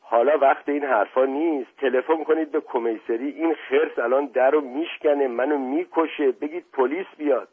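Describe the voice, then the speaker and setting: A man's voice: medium pitch, steady tone, hardly any pauses, slightly rough, phone-quality sound, voice pushed up, close to an everyday voice. A man doing a whining, beaten coward. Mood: pleading. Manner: moaning, feeble.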